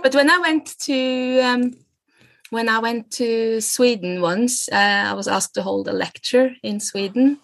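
Speaking slowly in a somewhat high, creaky voice, a middle-aged woman from Norway talks in Norwegian-accented English. She's a guest lecturer on Norse myth in a casual interview, hesitant and reflective, frequently starting over and laughing.

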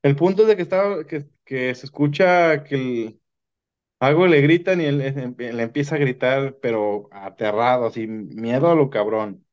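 A man with a Mexican Spanish accent, guesting on a podcast, tells paranormal stories in a loose, rambling chat and keeps restarting sentences. He has a smooth, medium-pitched voice at a moderate pace. The recording sounds dull and lo-fi.

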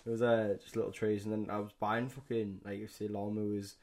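A young man co-hosting a podcast, talking in an animated way, swearing often and laughing along. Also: fairly low pitch, fairly quick. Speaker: podcast co-host. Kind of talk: casual chat.

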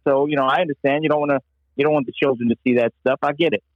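A man from Pennsylvania calling in over a bad phone connection, telling a rambling, halting story. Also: medium pitch, steady tone, a little hiss or hum. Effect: phone call over a bad connection. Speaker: caller. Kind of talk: call-in to a comedy podcast. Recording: dull lo-fi phone line.

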